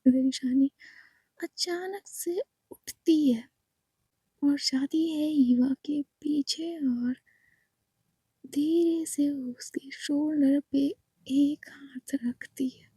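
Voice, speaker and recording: Soft-voiced whispered woman narrator. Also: high-pitched, dry recording. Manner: soft, hushed, unhurried. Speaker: storyteller.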